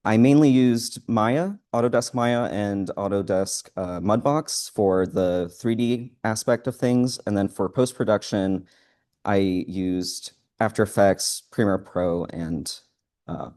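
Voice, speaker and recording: A man giving a student presentation in front of a live audience, speaking in a halting, hesitant way. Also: lowish voice, steady tone, darkish tone.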